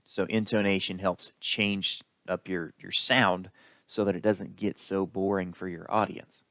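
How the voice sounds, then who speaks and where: A man giving a recorded lecture as an instructor, explaining in an unhurried way with the odd filler. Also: low voice, little pitch movement, a bit bright, no room sound.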